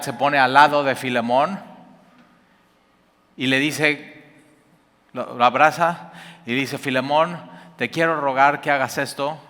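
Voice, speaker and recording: A man with a Mexican Spanish accent preaches a sermon with a bright, forceful tone. He tells stories with animated emphasis and sometimes shouts. His voice rings with a long hall reverb. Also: medium pitch. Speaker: pastor.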